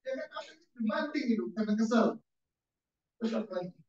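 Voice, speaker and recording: A man's voice: sits high, expressive, fast, darkish tone. Distant echoey pastor quizzing his congregation. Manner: casual, keeps quizzing the congregation. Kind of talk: interactive sermon. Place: church service. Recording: echoey church hall, distant dull mic.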